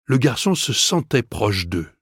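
Husky male storybook narrator. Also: medium pitch, dry recording, studio quality. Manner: measured, expressive storytelling. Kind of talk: scripted audiobook narration.

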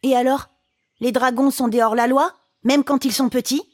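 A woman's voice: sits high, fairly even intonation, moderate pace, darkish tone, no room sound, clean studio sound. A woman playing bold teasing girl Léna. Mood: self-assured. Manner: teasing, self-assured.

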